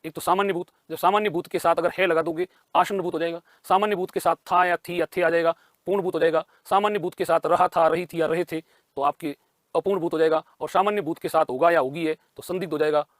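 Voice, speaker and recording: A man's voice: fairly high pitch, steady tone, quick pace, no echo. A man teaching a grammar lesson for exam prep. He asks questions and answers them himself, and he repeats key terms.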